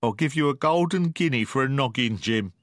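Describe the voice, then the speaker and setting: A man voicing an old drunken sea captain, feeble but blustering, who wheedles and talks in rough sailor's slang. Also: medium pitch, lively intonation, brisk, dry recording, clean studio sound, voice pushed up, natural voice. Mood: pleading.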